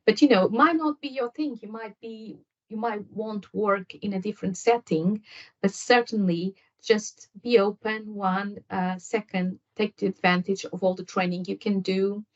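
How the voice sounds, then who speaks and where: A woman's voice: medium pitch, fairly even intonation, moderate pace. A woman guest on a nursing podcast whose first language is Portuguese, answering at length with many fillers and restarts. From Angola. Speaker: nurse guest. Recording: slightly dull lo-fi audio.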